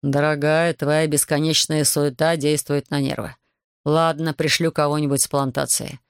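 A woman voicing a calm, patronizing plantation master. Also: sits low, moderate pace, no echo, studio quality. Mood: unruffled. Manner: unruffled, smooth, patronizing. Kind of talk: audiobook reading.

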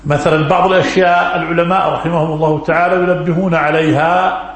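A man's voice: a little high, steady tone, fast. A man giving a religious lesson, answering questions, repeating key words and quizzing his listeners. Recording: very echoey room.

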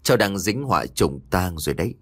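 A man's voice: deep voice, very animated, a little fast, a bit bright, no echo, voice pushed down, exaggerated voice. A man doing a grave, blunt older uncle.

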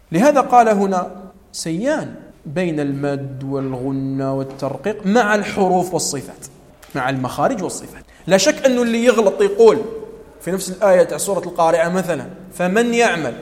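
Teacher guy, lively, checks if students follow, echoey hall sound. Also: on the high side. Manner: animated, mixes formal Arabic with dialect, demonstrates recitation, quizzes students. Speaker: Quran recitation teacher. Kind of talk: classroom lecture on tajweed rules.

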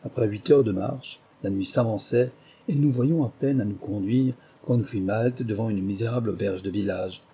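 A man reading a memoir aloud in measured, scripted storytelling narration. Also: fairly low pitch, warm tone, breathy edge. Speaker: audiobook narrator.

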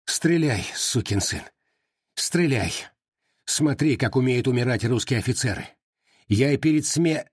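A man voicing an enraged male army officer, shouting insults in an audiobook reading. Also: mid-range voice, expressive, unhurried, breathy edge, dry recording, studio quality. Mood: defiant. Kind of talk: audiobook character voice.

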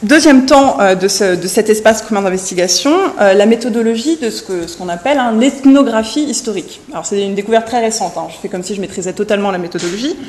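A woman of middle pitch opens an academic seminar, stumbling through fillers and repeated words as she lays out her plan. She raises her voice so someone joining from afar can follow. The room gives her speech a clear echo. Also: fast, hardly any pauses. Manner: hesitant, many fillers and restarts; speaking loudly for a remote listener. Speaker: seminar presenter.

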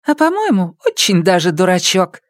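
A man's voice: sits high, wildly swooping pitch, normal speed, no room sound, studio quality, voice pushed up. A man voicing a brazen, taunting young village woman in an audiobook. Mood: teasing. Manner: taunting and coaxing.

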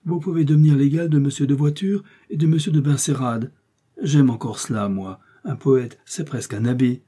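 A man putting on a fussy, excitable servant. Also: mid-range voice, moderate pace, slightly rough, voice pushed up, lightly acted. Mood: eager.

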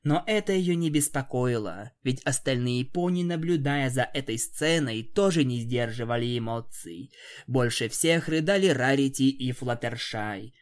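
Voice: mid-range voice, a little slow. An audiobook reader narrating a first-person fan story in a plain storytelling way.

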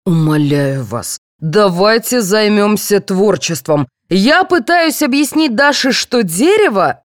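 A woman voicing a tired, pleading man who directs an amateur play, speaking slowly in an audiobook. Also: medium pitch, big pitch swings, dry recording, clean studio sound, voice pushed up. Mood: weary. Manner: slow, weary, pleading. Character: weary pleading male theatre director.

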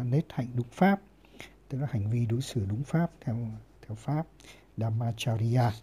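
Husky, very dark-voiced male monk teacher. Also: mid-range voice. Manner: unhurried, many filler pauses, carefully sounds out foreign terms. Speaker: Buddhist monk teaching Pali. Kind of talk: word-by-word scripture lesson.

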